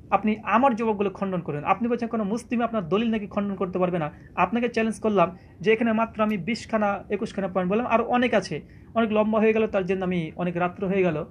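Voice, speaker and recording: Man, high voice, rapid, argumentative lecture, rhetorical questions, faint rumble behind. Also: a little mellow. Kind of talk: polemical religious lecture.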